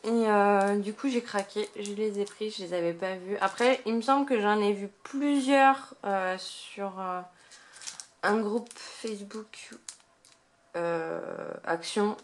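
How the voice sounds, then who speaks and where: A woman chats casually to her viewers about a small craft haul, at an ordinary middle pitch. She pauses often and fills gaps with hesitant filler sounds. A faint hiss sits under her voice. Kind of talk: casual haul chat to camera.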